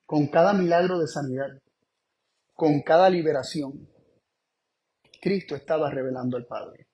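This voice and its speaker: A man with a notably high voice preaching a Bible study sermon. He leans hard on key phrases and repeats them, slowing right down for emphasis and then hurrying through his asides. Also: warm tone, highs cut off. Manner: emphatic, repeats key phrases, shifts between slow stress and quick asides.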